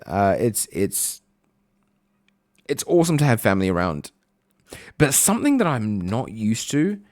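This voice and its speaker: A man's voice: on the low side, dry recording, studio quality. A man streaming and chatting casually with his viewers, reading their messages aloud. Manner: chatty, reads chat messages aloud, frequent fillers.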